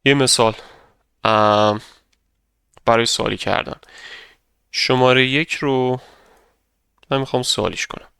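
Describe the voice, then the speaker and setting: A young male teacher walks through a grammar lesson patiently, step by step. His voice is bright and smooth, and he says example sentences slowly for students to repeat. The recording is dry and close to the mic. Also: medium pitch, steady tone, no echo. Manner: patient, explains step by step, models English sentences slowly for repetition. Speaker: English teacher. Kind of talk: grammar lesson narration over slides.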